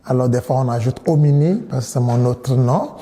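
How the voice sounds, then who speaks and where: A priest in his thirties, from Nigeria, answers interview questions in a very dark, mellow voice. He speaks in a measured way and often restarts or repeats words. The sound carries a long reverb, as if recorded in a large hall. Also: medium pitch.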